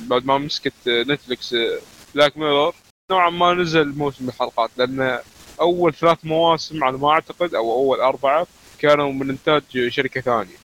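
A man co-hosting a casual podcast, talking in an animated, joking way. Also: a little high, quick pace, a little hiss or hum, low-quality recording. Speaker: podcast co-host.

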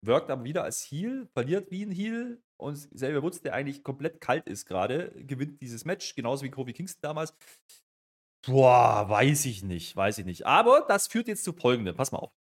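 A man with an everyday mid-pitched voice recaps a wrestling show in relaxed, casual podcast chat. He tells it like a story and slips into short acted quotes along the way. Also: moderate pace. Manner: chatty recapper, acts out quotes.

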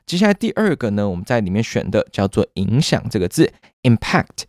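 A man's voice: lowish voice, big pitch swings, fairly quick, dry recording. Taiwanese-accented male podcast co-host, dry sound. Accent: Taiwanese Mandarin. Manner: explains vocabulary patiently, chatty and joking. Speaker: podcast co-host teaching English. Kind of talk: casual bilingual podcast lesson.

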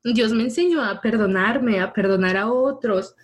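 A woman telling her personal faith testimony in casual conversation, animated and quick to laugh as she acts out what people said. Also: on the high side, husky. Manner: animated storytelling, laughs often, acts out dialogue.

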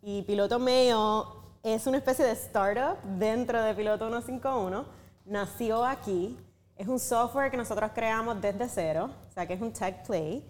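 A woman's voice: a little high, normal speed, big-room sound. A woman, a company head, explaining her work eagerly as a podcast guest. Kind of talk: podcast interview.

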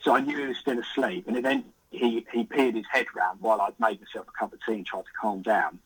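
A young man, a podcast guest recounting a catch in excited, vivid casual chat with the odd swear word. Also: on the low side, fairly quick, slightly rough, poor audio. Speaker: podcast guest, carp angler.

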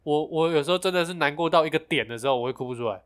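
A man's voice: fairly high pitch, very fast, fairly bright tone. A young man, co-hosting a casual podcast chat, teasing and chatty. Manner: teasing, chatty, laughs often. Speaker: podcast co-host.

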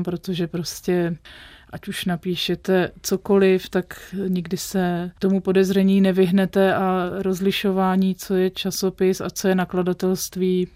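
A woman, a literary critic speaking as an interview guest, thoughtful and measured, often pausing to find her words. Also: lowish voice, darkish tone, dry recording, studio quality. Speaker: literary critic and magazine editor.

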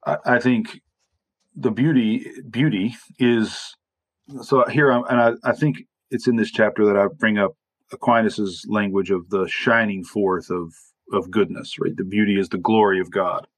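A man's voice: lowish voice, fairly even intonation, moderate pace, no room sound. A man, an author and theologian, talking through ideas in a reflective interview and often checking in with "right?". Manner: thoughtful, qualifying with frequent "right?".

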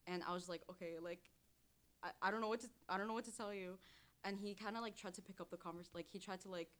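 A woman's voice: mid-range voice, quick pace. A young woman from Syria, a podcast guest, telling stories animatedly and acting out what others said. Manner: animated storytelling, quoting others. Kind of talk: casual podcast chat. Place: studio.

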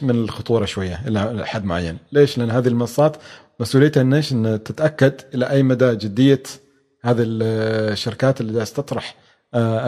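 A man speaks very quickly in an interview. His voice is dark and mellow. He stops and restarts often, with plenty of fillers between words. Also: medium pitch. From Oman. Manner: fast, hesitant, many fillers and restarts. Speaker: guest, venture capital expert. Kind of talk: conversational interview answers.

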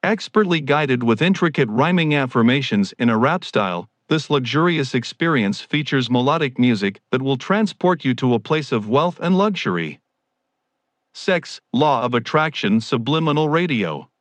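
In a medium-pitched voice, a man reads scripted promotional copy with a formal, grandiose delivery, much like a salesman presenting his own products. The sound is dry, with no room around the voice and no echo.

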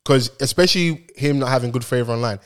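A man's voice: mid-range voice, fast. A young man with a London roadman accent, bantering casually and teasingly in slang as a podcast host.

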